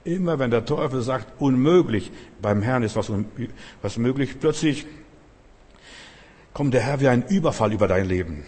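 A husky-voiced male preacher delivering an emphatic sermon, stacking repeated phrases and pushing up in bursts. His voice is slightly breathy and rings out with a long reverb, as if recorded in a church hall. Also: mid-range voice, animated, normal speed, a little mellow.

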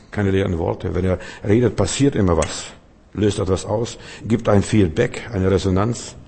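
A man's voice: lowish voice, creaky, warm tone, breathy edge. A man preaching a sermon in an emphatic, searching way. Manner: emphatic, acts out quoted voices. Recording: long hall reverb.

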